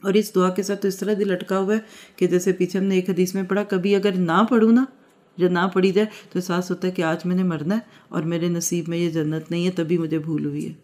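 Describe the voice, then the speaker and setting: A woman's voice: on the low side, little pitch movement, a little mellow. A woman religious teacher giving a devotional lecture, earnest and heartfelt, urging her listeners on with everyday examples.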